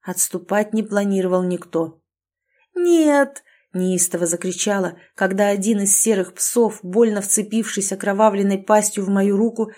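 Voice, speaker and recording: Woman reading a dark fantasy tale, warm mellow voice, intense and expressive. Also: mid-range voice. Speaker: audiobook narrator. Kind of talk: dramatic first-person story reading.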